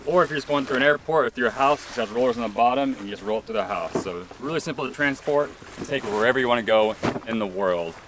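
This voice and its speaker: A man casually unboxing gear for a vlog, relaxed and upbeat, recorded on a camera mic at a distance. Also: medium pitch, fast. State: briefly out of breath after pumping. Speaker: paddleboard vlogger. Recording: distant mic with background noise.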